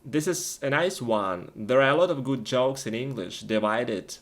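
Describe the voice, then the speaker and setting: Here a man co-hosts an English lesson, speaking at a moderate pace with lively intonation and a medium-pitched voice. The exchange is conversational question-and-answer for learners, delivered in short, plain, simple sentences.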